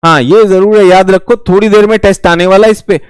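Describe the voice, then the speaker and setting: A man's voice: high voice, fairly even intonation, a little fast, clean tone, dry recording, clean studio sound. A man with an Indian accent teaching geography in a live online exam-prep class, chatty and teasing, repeating key words.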